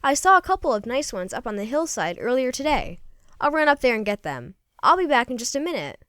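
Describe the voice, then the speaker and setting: Woman voicing hearty Bigfoot, lively and teasing. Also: high voice, a little fast, clear, resonant tone, dry recording, studio quality. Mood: confident, teasing. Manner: hearty, teasing, bossy helper. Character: big friendly male Bigfoot, jovial, confident forest fisherman.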